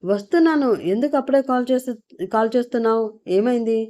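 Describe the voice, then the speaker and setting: A woman's voice: fairly high pitch, fast talker, dark tone, voice pushed up, lightly acted. A woman voicing a teasing young man who scolds his friend bluntly. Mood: scolding.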